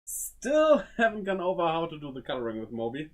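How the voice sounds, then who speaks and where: A streamer giving casual think-aloud commentary while drawing, muttering to themself and weighing small choices out loud. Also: medium pitch, sing-song, brisk, poor audio. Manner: greets viewers playfully.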